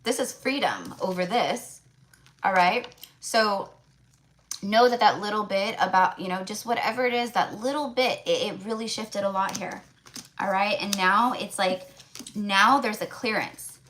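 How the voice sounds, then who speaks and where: A woman's voice: medium pitch, unhurried, a bit bright. A woman hosting a live tarot reading in a casual, rambling way, repeating phrases for emphasis and often checking in with listeners. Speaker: tarot reader, livestream host.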